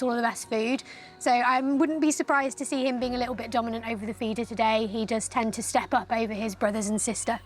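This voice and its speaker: A woman who works as a primate keeper, explaining things informally in a documentary interview. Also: a little high.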